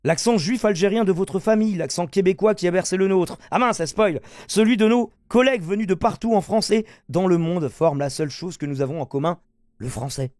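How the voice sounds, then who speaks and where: A man with a fairly high voice, delivering sarcastic press-review commentary with lively asides. His voice is recorded close and dry, with no room sound. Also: a little fast, dry recording. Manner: sarcastic, animated, jumps from reading to asides. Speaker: political commentary host.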